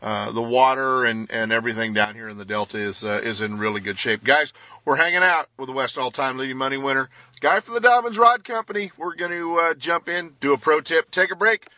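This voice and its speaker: A man hosting a casual radio talk, speaking haltingly with frequent hesitations and pauses. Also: medium pitch, bright, forceful tone, dry recording, muffled recording. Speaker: radio show host. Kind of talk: casual fishing interview and sponsor reads.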